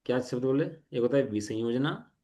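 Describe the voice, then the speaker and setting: A middle-aged man teaching a study class, reading definitions slowly and asking students to check their understanding. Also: mid-range voice, dark tone.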